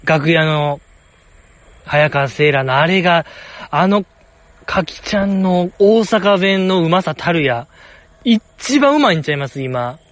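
A man's voice: a little high, lively intonation, unhurried, fairly bright tone, no room sound. A young man with an Osaka accent, chatting casually and rambling on his own, playfully earnest. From Osaka, Japan. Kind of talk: casual solo chat.

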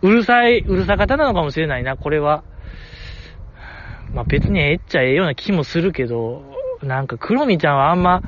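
Lively Kansai man rambling on a podcast. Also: on the high side, a little fast, muffled recording, noisy background. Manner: rambling, self-correcting, often apologizing. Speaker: podcast host. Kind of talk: casual solo podcast talk.

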